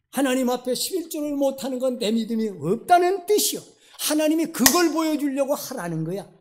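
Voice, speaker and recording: A male pastor preaching in church with a mellow, darker voice. His style is conversational and animated, and he keeps turning to the congregation with questions. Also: extremely high pitch. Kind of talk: sermon.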